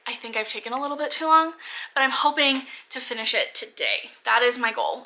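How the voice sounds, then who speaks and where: Recorded at home on her camera mic, a young woman who makes book vlogs chats to the camera about her recent reading. Her voice is high and bright, and she rambles casually, full of "like" fillers and side tangents.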